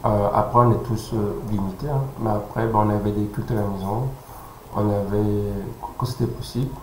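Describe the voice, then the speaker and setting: A man in his thirties from French Guiana, answering interview questions calmly, pausing often with fillers. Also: on the low side. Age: 30s. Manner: calm, halting, with many pauses and fillers. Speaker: interview guest. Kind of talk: casual interview. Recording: roomy sound with faint noise.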